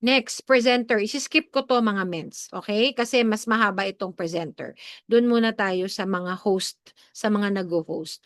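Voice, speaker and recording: A Filipino woman mentor teaching an online session over a video call, talking chattily in Taglish with an expressive, coaching manner and many "okay?" checks. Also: mid-range voice, a little slow, no room sound, clean studio sound. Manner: animated, expressive.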